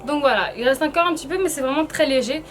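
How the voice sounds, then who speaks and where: Talking fast in a high-sitting voice, a beauty vlogger chats her way informally and hesitantly through a tutorial. Her braces hurt and slightly hamper her speech, and a little hiss or hum can be heard.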